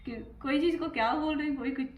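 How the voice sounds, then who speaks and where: A middle-aged woman chatting in a casual home vlog; she talks fast, trips over her words and laughs often. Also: high voice, reverberant. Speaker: vlogger.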